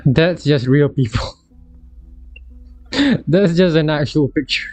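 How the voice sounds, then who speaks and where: A man's voice: on the high side, slow, darkish tone, no room sound, faint music behind. A man streaming live and reacting casually to a game's story, thinking aloud in a rambling way with restarts.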